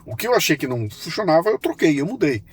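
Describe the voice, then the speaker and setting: A man's voice: on the high side, very animated, quick pace. A Brazilian man hosting a podcast interview, talking casually with hesitant restarts. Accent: Brazilian Portuguese. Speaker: podcast host.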